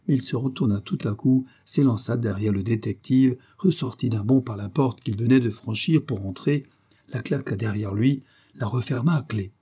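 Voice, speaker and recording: A man narrating a classic detective novel in a steady, measured audiobook reading. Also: mid-range voice, breathy edge.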